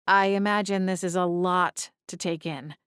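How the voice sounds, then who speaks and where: A woman playing a kindly, reassuring ghost-seer with gentle conversational delivery in an audiobook. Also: on the low side, fairly even intonation, normal speed, clean tone, no echo, clean studio sound, close to an everyday voice. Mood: gentle, sympathetic. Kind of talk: audiobook character dialogue.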